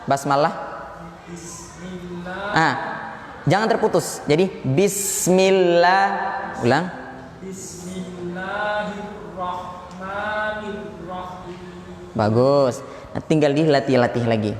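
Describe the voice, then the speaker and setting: A man's voice: fairly high pitch, unhurried, crowd noise. A man, a Quran recitation teacher patiently drilling a group and counting them in, in a large mosque hall. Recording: echoey hall, faint room ambience.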